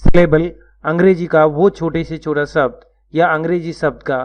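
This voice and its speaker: A man giving a scripted lecture, spelling out words letter by letter in a measured teaching manner. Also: fairly high pitch, little pitch movement. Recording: dull lo-fi recording.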